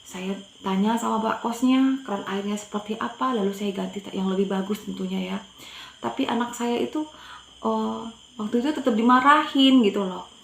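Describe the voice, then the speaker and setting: A woman's voice: medium pitch, vocal fry, roomy sound, a little hiss or hum, poor audio. A middle-aged woman from Madura, a pastor, telling her personal faith testimony earnestly and often addressing her listeners directly. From Madura, Indonesia.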